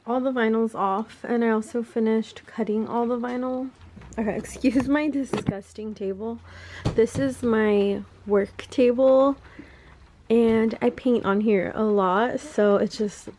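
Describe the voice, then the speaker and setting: A woman's voice: medium pitch, a little mellow, slight background noise. A young woman, a balloon decor business owner, talking casually and rambling as she works in her indoor studio with a handheld camera, laughing often. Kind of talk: casual vlog talk.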